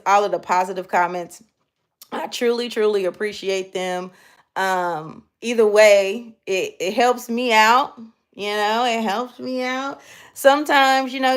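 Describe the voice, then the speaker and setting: A young woman, chatting casually on a live stream, reading comments and talking straight to her viewers in slangy speech. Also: on the low side. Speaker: livestream host.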